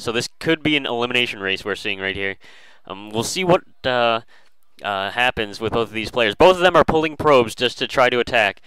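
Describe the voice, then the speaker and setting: A man's voice: sits low, pushed and bright, clean tone, dry recording, low-quality recording. A man casually commentating a strategy game, hesitant and full of fillers and restarts.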